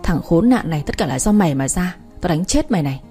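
A woman's voice: lowish voice, expressive, fast, warm tone, faint music behind, lightly acted. A woman voicing a feisty, hot-tempered teenage girl who teases and fights in a read-aloud story. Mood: furious. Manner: teasing and fiery.

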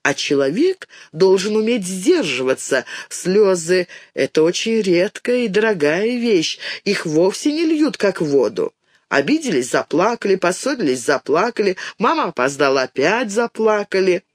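A woman reader voicing a calm, wise mother who gently lectures her daughters in an audiobook. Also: mid-range voice, moderate pace, dry recording, clean studio sound. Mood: lecturing. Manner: steady, gently lecturing, warm-hearted. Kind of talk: audiobook character voice.

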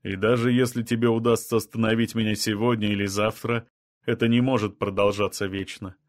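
Man reading as a calm, blunt outsider man. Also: lowish voice, a little fast, no room sound, clean studio sound, natural voice. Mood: cold resolve. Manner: level, matter-of-fact, cold resolve. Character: calm, blunt non-native man of another kind.

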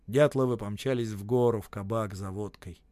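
A man narrating literary prose in a measured, dramatic storytelling way. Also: on the low side, warm tone, dry recording. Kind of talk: audiobook reading of literary prose.

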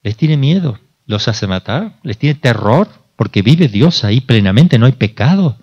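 A priest from Argentina giving an informal talk, mid-pitched, chatty, quizzing his listeners and acting out little exchanges. The recording sounds dull and lo-fi. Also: very animated, moderate pace, darkish tone, breathy edge. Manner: conversational, asks the audience questions, acts out dialogues.

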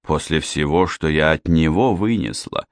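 A male narrator voicing a theatrical, self-pitying widow who talks in a slow, wailing way. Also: very deep voice, dry recording, studio quality. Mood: bitter.

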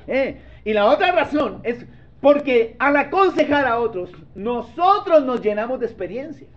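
Lively high-voiced male pastor preaching. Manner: conversational preaching, asking the congregation for agreement; acts out little dialogues. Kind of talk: sermon. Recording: dull lo-fi sermon recording.

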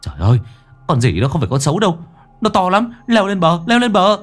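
A man voicing a panicked village boy shouting a warning in a spoken ghost story. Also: high-pitched, sing-song, fast, faint music behind, voice pushed up. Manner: shouting in alarm.

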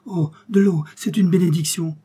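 A man voicing a grief-stricken, remorseful king who cries out in anguish, with a husky, dark voice. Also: fairly high pitch, flat delivery, normal speed.

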